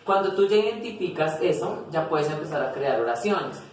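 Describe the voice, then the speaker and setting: Male teacher, slightly high voice, echoey room, distant mic, explains and checks in often. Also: expressive, normal speed. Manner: explanatory, repeats "¿listo?" and "pues", self-corrects. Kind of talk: spanish grammar lesson. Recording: very echoey room, voice a bit far from mic, faint noise.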